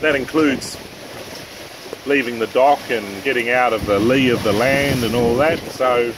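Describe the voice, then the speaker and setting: Relaxed man narrating aboard a windy sailboat. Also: medium pitch, unhurried. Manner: relaxed, matter-of-fact, with sailing jargon. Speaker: sailing vlog host. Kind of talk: casual vlog narration. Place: open cockpit of a sailing catamaran at sea. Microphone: handheld camera mic, wind on it. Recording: windy outdoor camera audio. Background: wind and water noise.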